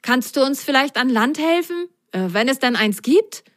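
A woman's voice: high voice, lively intonation, normal speed, dry recording, studio quality, pitched above the performer's own voice. A woman doing an adventurous boy sock. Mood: adventurous upbeat. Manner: direct, upbeat, casual. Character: adventurous, sporty male sock, a bit cocky.

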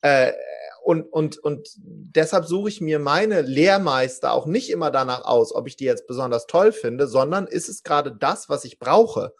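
A man in his forties telling a story as a podcast guest, animated, acting out quotes and restarting often. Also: a little high, normal speed. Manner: lively, acts out quotes, many restarts.

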